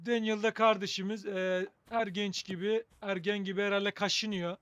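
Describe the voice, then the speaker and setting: A man with a high voice gives casual commentary on a video game as he plays. He thinks aloud in a wry, joking way, chatting to his viewers. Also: little pitch movement, moderate pace, a bit bright, clean tone, dry recording. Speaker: gaming video host.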